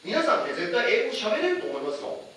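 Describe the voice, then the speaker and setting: A man teaching a lively lecture, asking his audience questions, with many fillers. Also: high-pitched, brisk. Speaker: English teacher giving a lecture. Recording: echoey room, far from the mic, faint noise.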